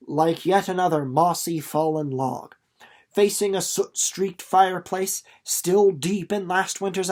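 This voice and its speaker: An audiobook reader with a mid-range voice reads a children's novel aloud, phrasing each line deliberately in an expressive storytelling style.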